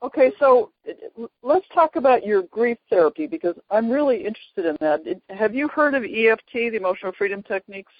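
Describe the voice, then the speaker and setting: An interview host in casual chat, reacting with effusive praise and eager questions at a middling pitch. The sound is dry and close, with no room around it. The audio is dull and lo-fi. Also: lively intonation, brisk, no echo.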